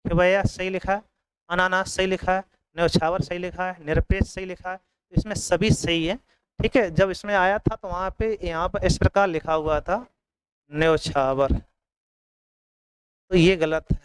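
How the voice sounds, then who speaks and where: A man's voice: sits high, fairly even intonation, moderate pace, pauses often, clean tone, no echo, poor audio. A man teaching an exam coaching lesson, repeating each word and often checking in with his students.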